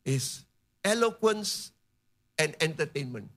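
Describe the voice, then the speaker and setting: A man preaching a charismatic sermon to his congregation, building to emphatic shouts and dropping into chatty asides. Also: fairly high pitch, animated, slow pace. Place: church service.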